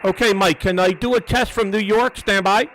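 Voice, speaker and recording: A man's voice: high voice, fairly even intonation, moderate pace, a bit bright, slight background noise, low-quality recording. A man working as an amateur radio operator, making live contacts and antenna tests, repeating words and call signs methodically.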